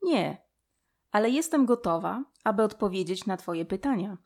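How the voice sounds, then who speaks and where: A woman voicing a wise, gentle female mouse god who speaks softly and patiently. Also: medium pitch, animated, normal speed. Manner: soft, patient, mysterious.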